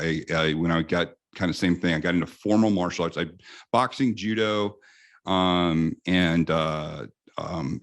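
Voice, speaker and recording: A low-voiced American man in his fifties is a guest in a casual interview, telling animated stories with frequent restarts.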